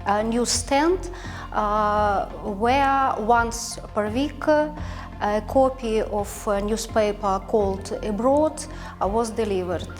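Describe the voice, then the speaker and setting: A woman's voice: medium pitch, takes it slowly, faint music behind. A woman, a diplomat, telling her story in an interview with very many hesitations. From Ukraine. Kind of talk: interview answer.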